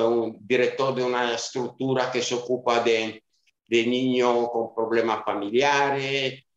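Speaking over a video call webcam from a small room at home, a club director from Sicily, Italy, in his fifties, gives casual interview answers in a mid-range voice with an Italian accent. His speech is hesitant and riddled with fillers and restarts, and the audio comes through dull and roomy.

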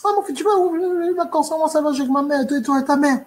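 A man voicing a pretty young woman on a date, chatting sweetly, then dropping to a low whispered growl. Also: fast talker, slight background noise.

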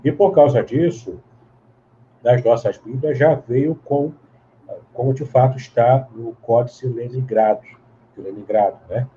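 A man's voice: mid-range voice, a little slow. A man, explaining at length as an interview guest, in a teacherly way with many tag questions and restarts. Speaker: guest Bible scholar. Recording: dull lo-fi sound with faint hiss.

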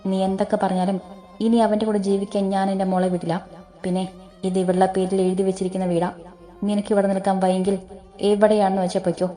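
A woman's voice: mid-range voice, level tone, fast talker, dark tone, lightly acted. A woman voicing a middle-aged mother who firmly protects her daughter. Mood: defiant. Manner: firm, protective.

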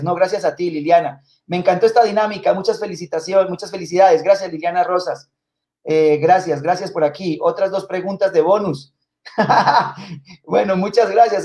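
A man hosting a live-streamed spelling trivia. He reads out viewer comments and names and thanks people warmly, with many fillers and repeated words. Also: high-pitched. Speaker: live quiz host.

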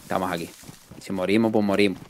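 A man's voice: low-pitched, steady tone, quick pace. Chatty young man streaming a game. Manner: chatty, greets and thanks viewers. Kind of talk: live gameplay commentary.

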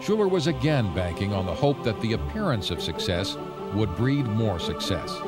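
A male documentary narrator reads in a measured, storytelling way, his pitch rising and falling with lively movement. Music plays clearly underneath the studio voice-over.

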